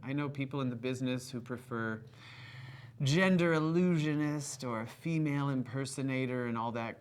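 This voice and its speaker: A man in a documentary interview, casual and wry, dropping jokes as he talks. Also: medium pitch. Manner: wry, joking.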